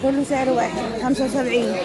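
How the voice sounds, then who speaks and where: A woman's voice: high voice, fairly even intonation, racing. An Egyptian woman vlogging casually through a market, asking vendors prices like a haggling shopper and repeating them to her viewers. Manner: asks vendors prices, haggling-style chat in an Arabic market. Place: crowded outdoor street market. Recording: loud busy street market crowd.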